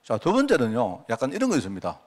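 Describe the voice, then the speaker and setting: A man preaching with a voice of ordinary pitch, talking to his congregation as if in conversation. He keeps turning to them with rhetorical questions and slips into acted-out prayers to make his point. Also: wildly swooping pitch, fast. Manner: acts out quoted prayers and remarks. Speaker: pastor. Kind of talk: sermon.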